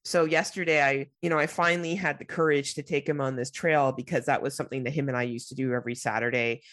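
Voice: medium pitch, steady tone, quick pace, fairly bright tone, dry recording. A podcast co-host chatting casually and jokingly, with a nasal voice stuffed up by a cold. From Canada. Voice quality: nasal, congested voice. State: has a cold.

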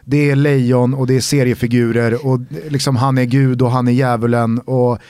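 A man's voice: medium pitch, little pitch movement, darkish tone, clear, resonant tone, no echo. Man, podcast host, direct questions, dry close mic. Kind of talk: interview conversation.

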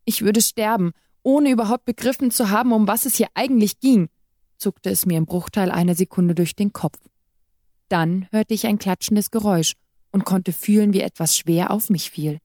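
A woman reads a short story aloud in a measured, even voice of ordinary pitch. The recording is dry and close, with no room sound. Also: no echo. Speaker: reader. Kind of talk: scripted narration of a short story.

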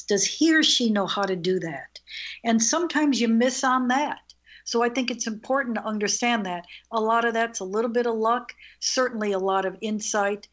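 A woman's voice: on the high side, highs cut off. An older woman, a guest investor in a conversational interview, who tells stories with frequent laughter. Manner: lively storyteller who laughs often.

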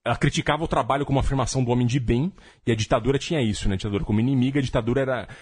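A man's voice: mid-range voice, rapid-fire, a little mellow, slightly rough, dry recording, studio quality. A Brazilian man co-hosting a podcast with casual commentary on music. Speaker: podcast co-host.

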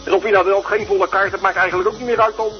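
A man's voice: sits high, steady tone, very fast, faint music behind. A man calling in to a radio show over the phone, rambling on in a cheeky, chatty way. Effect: heard over a phone line on the radio. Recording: muffled phone call on air.

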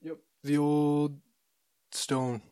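A man in casual podcast conversation, easygoing and thoughtful, often pausing on fillers as he explains. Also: fairly high pitch, flat delivery, warm tone, clear, resonant tone, no echo, clean studio sound. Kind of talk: casual chat.

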